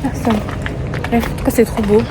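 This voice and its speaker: A young woman in her twenties chats into her phone camera as she walks outdoors, her voice sitting a little high. She keeps up easy commentary for her viewers and drops self-conscious asides along the way. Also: steady tone, moderate pace, background noise. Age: 20s. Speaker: travel vlogger. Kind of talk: casual solo travel vlog. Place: outdoors, walking through parks and streets.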